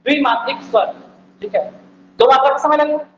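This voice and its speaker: High-voiced male teacher quizzing students. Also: steady tone, brisk, lo-fi sound. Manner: repeats points and quizzes the listeners with questions. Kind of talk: exam-prep lecture. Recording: echoey room, faint background noise.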